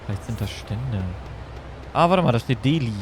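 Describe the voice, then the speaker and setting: A man doing casual livestream game commentary, rambling and thinking out loud. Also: medium pitch, lively intonation, normal speed. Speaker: game streamer. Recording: clear background noise.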